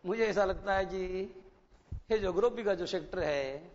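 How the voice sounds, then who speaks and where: A man teaching an English class to schoolchildren, explaining slowly and asking them rhetorical questions. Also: high voice. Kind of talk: classroom lecture. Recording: dull lo-fi broadcast with long reverb.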